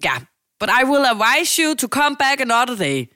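A speaker putting on a shrill, bossy policewoman. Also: very animated, dry recording, studio quality, full character voice. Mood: brusque. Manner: loud, dismissive, in English. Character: shouting female police receptionist.

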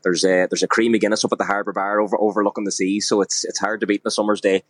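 A man's voice: on the low side, flat delivery, rapid-fire, dry recording. A man with a west of Ireland, Donegal accent, chatting casually as a radio guest. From County Donegal, Ireland. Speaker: radio guest, content creator. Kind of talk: casual chat.

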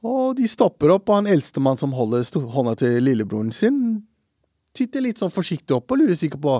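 A man's voice: on the high side, big pitch swings, dark tone, no room sound, clean studio sound. A young man, a comic creator, telling a story in an interview in an earnest, reflective way with many hesitations.

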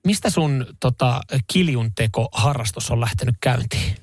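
A man's voice: medium pitch, animated, no echo, clean studio sound. A man co-hosting a morning radio show, asking questions in a chatty, teasing way. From Finland. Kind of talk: casual radio banter. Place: radio studio.

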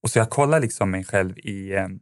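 Low-voiced man telling a story, dry sound. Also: clear, resonant tone, no echo. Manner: rambling, many fillers and restarts. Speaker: podcast guest. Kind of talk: casual storytelling.

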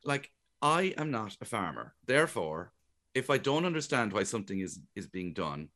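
Chatty Irish man with low voice. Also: moderate pace. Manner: chatty, animated, jokey storytelling. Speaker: guest comedian. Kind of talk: radio interview.

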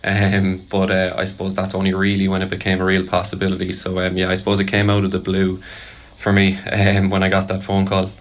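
Young male Irish athlete, soft neutral accent, deep monotone, hesitant and measured in interview. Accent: soft, fairly neutral Irish. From Kerry, Ireland. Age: young adult. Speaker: Gaelic football player being interviewed. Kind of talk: casual interview answers.

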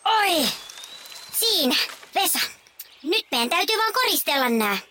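Mauri, a squeaky boy squirrel. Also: very animated, noisy background. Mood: excited. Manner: eager, rambling, full of fillers. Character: chatty little boy squirrel. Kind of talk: children's audio story acting.

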